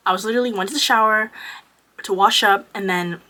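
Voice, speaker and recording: A woman aged twenty-one telling a story in a casual vlog while doing her makeup. She talks in an animated, profane way with lots of filler words. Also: medium pitch, fast. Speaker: vlogger. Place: at home doing makeup on camera.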